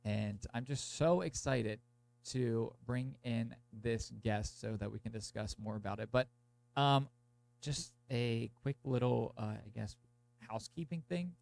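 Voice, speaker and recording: A man's voice: mid-range voice, a little slow, gravelly, darkish tone. A young man hosting a podcast in a casual, meandering monologue, sounding congested, with a blocked nose and sore throat from a cold. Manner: informal, meandering, peppered with "like". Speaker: podcast host. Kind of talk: casual monologue to listeners, introducing an episode.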